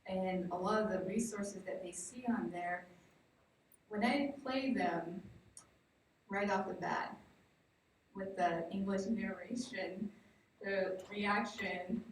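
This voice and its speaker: A medium-pitched woman from the Navajo Nation in the southwestern United States gives an informal, explanatory conference presentation as a project researcher, pausing as she pieces her thoughts together. She is in a large indoor presentation room, and the distant mic captures heavy echo and faint noise.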